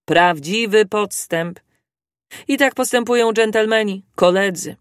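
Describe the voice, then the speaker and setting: A reader voicing an excitable young male manservant who has been drinking and bursts out loudly. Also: mid-range voice, measured pace, no echo, clean studio sound, pitched above the performer's own voice, close to an everyday voice. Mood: tipsy, boastful. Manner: loud, impassioned outbursts.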